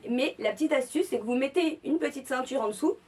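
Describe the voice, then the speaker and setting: A woman's voice: high-pitched, fast, darkish tone, slightly rough, far from the mic. A young woman vlogging a clothing try-on haul, chatting eagerly and speaking straight to her viewers. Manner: chatty, enthusiastic, addressing viewers directly. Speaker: fashion vlogger. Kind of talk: casual try-on haul talk.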